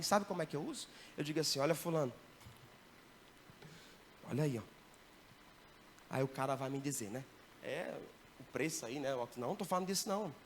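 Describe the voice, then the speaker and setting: A man with a bright, slightly high voice teaches a church training session as a missionary. He speaks in a lively way and keeps checking in with the listeners in the hall. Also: slight background noise.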